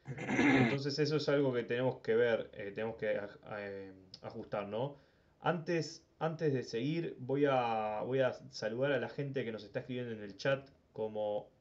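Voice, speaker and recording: A man's voice: medium pitch, a little mellow, muffled recording. A Uruguayan man hosting a casual sports talk podcast, rambling and often repeating words as he thinks. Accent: Uruguayan Spanish. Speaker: podcast host.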